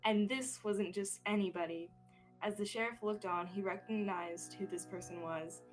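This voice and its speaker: A young woman reads scripted narration as the storyteller in a student radio drama, with soft music behind her. Her medium-pitched voice is steady at a normal speed, and the recording is rough.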